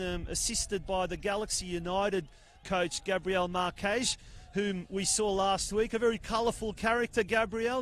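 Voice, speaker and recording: An Australian man commentating a live football match, talking in a rambling way with lots of fillers and getting loud at near-misses, cold enough that his jaw clicks. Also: high voice. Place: outdoor grandstand commentary spot.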